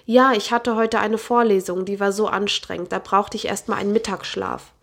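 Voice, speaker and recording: A woman's voice: medium pitch, fairly even intonation, moderate pace, vocal fry, fairly bright tone. A woman reading a lazy young student boyfriend. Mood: offhand.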